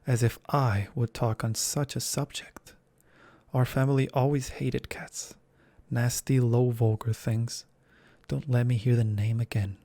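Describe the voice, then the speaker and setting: A small, easily offended mouse speaks in hushed, passionate bursts, as a man whispering a storybook reading puts it on. The voice is a touch higher than a plain reading, with a gravelly undertone. It is a whispered role-play, dry and close. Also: steady tone, measured pace, no room sound. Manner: passionate, indignant, partly whispered. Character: shrill, touchy little male mouse.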